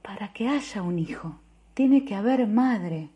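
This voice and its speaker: A weary, defiant young pregnant woman with an Argentine accent, as a woman reader puts her on, answering slowly in a hushed, half-whispered voice. Her replies are withdrawn and quiet, read as part of an audiobook. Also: mid-range voice, sing-song, slightly rough, highs cut off, full character voice. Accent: Argentine Spanish.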